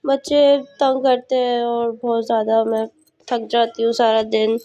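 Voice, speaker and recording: Unwell young woman vlogging, high voice. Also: completely flat delivery, normal speed, lo-fi sound. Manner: gentle, chatty talk to viewers. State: unwell, sounds sick. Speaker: vlogger and mother. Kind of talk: casual home vlog.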